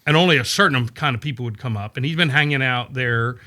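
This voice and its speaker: Bright, forceful man teaching conversationally. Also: medium pitch, fast talker. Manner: animated storytelling, acts out quoted voices, frequent "right?" checks. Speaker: podcast guest discussing scripture. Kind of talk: casual conversational Bible teaching.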